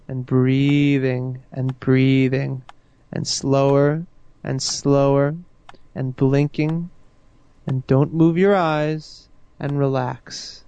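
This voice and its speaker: A man with a low, even, smooth and mellow voice leads a guided hypnosis induction, gently repeating himself as he slowly eases the listener into hypnotic sleep. The audio quality is dull and lo-fi.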